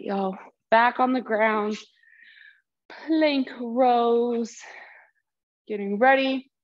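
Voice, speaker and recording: Woman, workout coach, somewhat high voice, breathless, counting down reps, muffled recording. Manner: upbeat coaching cues with countdowns. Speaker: fitness coach. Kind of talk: workout instruction. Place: exercise space.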